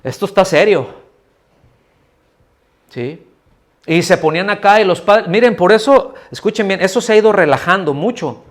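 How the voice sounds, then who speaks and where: A man's voice: high voice, brisk. A middle-aged man, preaching a sermon in a church hall. He talks in a conversational way, keeps asking the congregation questions and acts out the voices of people he quotes. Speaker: pastor.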